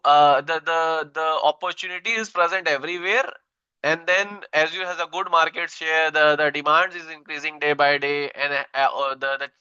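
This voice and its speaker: A man in his thirties with an Indian English accent teaches an online tech class, repeating himself and tacking "right?" onto each point. His voice sits a little high, sharp and clean in tone, with no echo and a dull audio quality.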